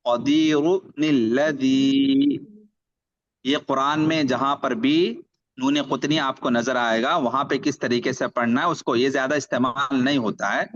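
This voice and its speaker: A man's voice: mid-range voice, fairly even intonation, muffled recording. A man teaching Quran reading online. He spells out letters and vowel marks syllable by syllable and adds short explanations of the rules. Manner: slow syllable-by-syllable drilling with brief explanations.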